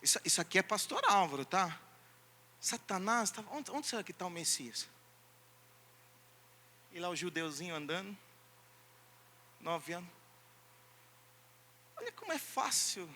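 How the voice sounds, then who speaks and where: High-voiced pastor preaching. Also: male voice, sing-song, unhurried, long pauses, slight background noise. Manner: emphatic preaching that swings from loud calls to hushed asides. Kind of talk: sermon.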